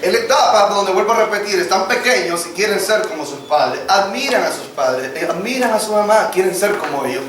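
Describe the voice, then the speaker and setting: A man's voice: high voice, lively intonation, a little fast, hardly any pauses, a crowd in the background. A man preaching a sermon, leading call-and-response and acting out family dialogues. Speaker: pastor. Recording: echoey church hall, distant mic, congregation.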